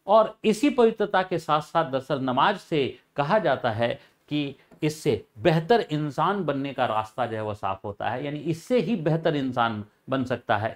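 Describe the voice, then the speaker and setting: Halting man explaining. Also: mid-range voice. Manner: halting, with many filler phrases and repeats. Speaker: explainer on a channel. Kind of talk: informal educational explanation.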